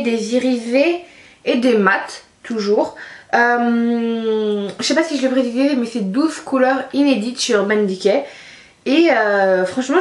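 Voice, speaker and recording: A woman chats through a makeup palette review in a relaxed, rambling way, pausing often on fillers. Her voice sits a little high. The room around her rings with a noticeable echo. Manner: chatty, lots of hesitations. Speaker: beauty vlogger. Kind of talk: casual product review.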